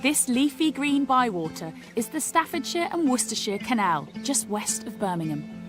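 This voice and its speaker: High-voiced woman narrating over music. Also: big pitch swings, normal speed. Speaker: reporter and narrator. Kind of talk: scripted documentary narration.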